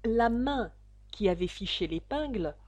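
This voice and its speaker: A woman's voice: fairly high pitch, expressive, unhurried, darkish tone, dry recording. Woman reading a classic novel aloud. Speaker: audiobook narrator.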